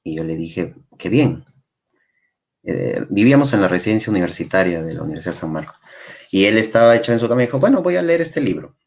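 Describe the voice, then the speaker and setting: A man's voice: low-pitched, fast. A man, a guest in casual chat, telling stories and acting out the people in them. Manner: animated storyteller, acts out quotes. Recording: dull lo-fi sound.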